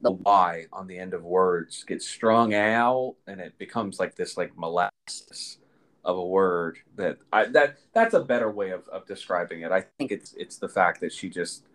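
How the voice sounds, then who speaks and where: A man's voice: sits low, moderate pace, few pauses, fairly bright tone. A man co-hosting a podcast, chatting casually and rambling with restarts and laughs. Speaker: podcast co-host. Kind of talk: casual chat.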